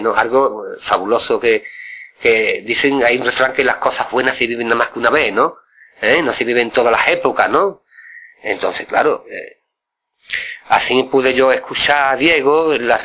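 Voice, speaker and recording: A man's voice: medium pitch, pushed and bright. An older man, a flamenco guitarist, reminiscing casually in an interview, rambling and repeating words with many tag questions.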